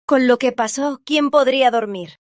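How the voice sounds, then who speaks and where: A woman's voice: high-pitched, normal speed, dry recording, close to an everyday voice. A woman voicing a worried, apologetic young friend, in a Spanish drama dub. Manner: apologetic, anxious.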